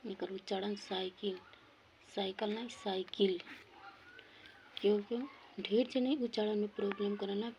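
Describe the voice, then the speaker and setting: A woman's voice: mid-range voice, fairly even intonation, moderate pace, gravelly, mellow, a little hiss or hum. A woman teaching English pronunciation, drilling words one by one, repeating each and giving its meaning. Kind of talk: spoken lesson on pronunciation.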